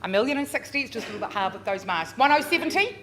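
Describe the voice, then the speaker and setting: High-voiced woman auctioneer calling bids. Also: lively intonation, a bit bright. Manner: drawn-out, repeated bid calls; chatty coaxing of bidders. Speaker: real estate auctioneer. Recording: noisy live auction room.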